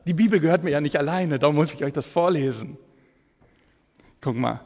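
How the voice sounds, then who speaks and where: A man in his forties, an evangelist, preaching a sermon with fervent, excitable Bible storytelling in a church hall. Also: on the high side, brisk. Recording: echoey hall reverb.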